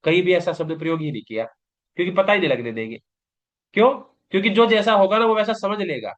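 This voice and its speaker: गुरु की तरह समझाता पुरुष शिक्षक, हल्की दबी recording. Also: male voice, sits high, very animated, quick pace. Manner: explanatory, asks and answers own questions. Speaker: yoga teacher. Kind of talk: recorded exam-prep lecture. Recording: dull lo-fi class recording.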